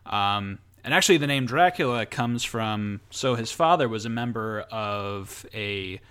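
A man's voice: on the low side, a little slow, a bit bright, smooth. A man co-hosting a casual comedy podcast, explaining a history topic in a hesitant way. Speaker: podcast co-host, supernatural expert.

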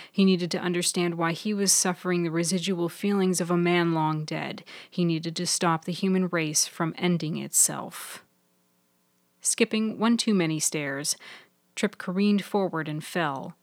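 A woman narrating her own serial fiction in a measured, even storytelling voice. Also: lowish voice, no echo, clean studio sound. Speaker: author and narrator. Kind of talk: scripted audiobook narration.

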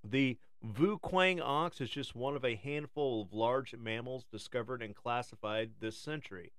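A man reading scripted narration in a measured, formal, nature documentary manner. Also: mid-range voice, fairly bright tone, no room sound. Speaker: podcast co-host.

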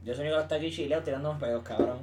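A man's voice: fairly high pitch, rapid-fire, over music. A man, co-hosting a podcast, arguing his point and swearing often. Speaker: podcast co-host. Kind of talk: casual chat among friends.

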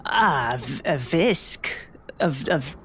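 Joking woman player, animated voice. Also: low-pitched, very slow, slight background noise. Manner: joking, self-mocking. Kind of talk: casual tabletop play.

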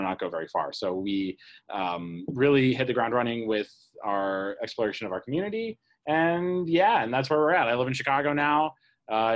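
A man's voice: lowish voice, fairly bright tone, rough recording. A young man from the Atlanta area, a theater's managing director, talking casually in an interview with many "uh" fillers. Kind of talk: interview guest.

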